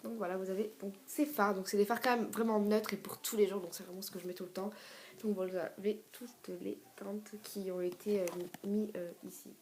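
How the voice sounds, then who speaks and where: A woman's voice: medium pitch, level tone, a little fast, darkish tone. Chatty young woman unboxing gifts. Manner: chatty, many fillers and restarts. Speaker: beauty vlogger. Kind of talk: excited unboxing chat. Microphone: tablet camera.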